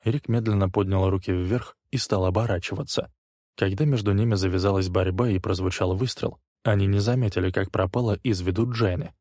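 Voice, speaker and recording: A man with a fairly low voice narrating a crime audiobook in a steady, even way. The sound is close and dry, with no room around it. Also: fairly quick, dry recording.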